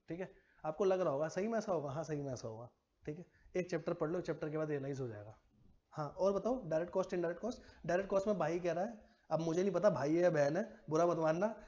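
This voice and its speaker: A man's voice: fairly high pitch, dark tone, highs cut off. A man teaching commerce to a classroom, chatty and teasing, quizzing his students as he goes. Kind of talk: classroom lecture.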